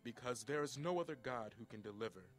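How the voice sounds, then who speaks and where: A man's voice: mid-range voice, expressive, quick pace, faint music behind, voice pushed up, lightly acted. A man playing a proud, hot-tempered king in a dramatic scripture audio reading, declaiming imperiously and stretching words for emphasis. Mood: solemn decree. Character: proud, furious, booming king of Babylon, given to decrees.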